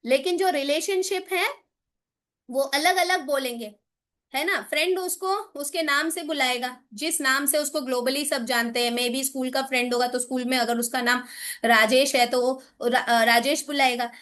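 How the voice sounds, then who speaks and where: A woman's voice: high voice, steady tone, normal speed, fairly bright tone. A woman with an Indian English accent giving a classroom lecture as a teacher trainer, explaining patiently and often checking that her listeners follow. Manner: patient, explanatory, asks frequent check questions.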